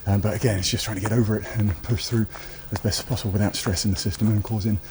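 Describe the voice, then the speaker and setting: A man's voice: lowish voice, little pitch movement, racing. A British man chatting casually to camera as a running vlogger. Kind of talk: casual vlog chat to camera. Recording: noisy vlog recording with clicks.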